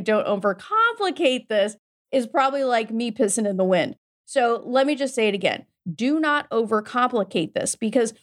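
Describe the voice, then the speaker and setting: A middle-aged woman hosting a podcast as a mindset coach, giving an emphatic, informal motivational pep talk sprinkled with swearing and pet names. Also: on the high side.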